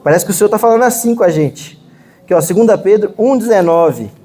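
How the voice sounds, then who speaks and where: A Brazilian man with a Minas Gerais accent delivers a sermon to his congregation. His voice sits high but sounds dark and mellow. He talks earnestly and conversationally, often pausing to check in with listeners. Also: lively intonation. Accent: Brazilian Portuguese, Minas Gerais. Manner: earnest, conversational preaching with frequent "né?" and "Ó Senhor Jesus". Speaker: minister preaching. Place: church meeting hall.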